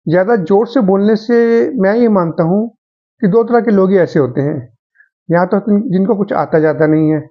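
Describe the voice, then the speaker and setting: A man's voice: sits high, moderate pace, muffled recording. A man giving a motivational talk, speaking earnestly and addressing his listeners as friends.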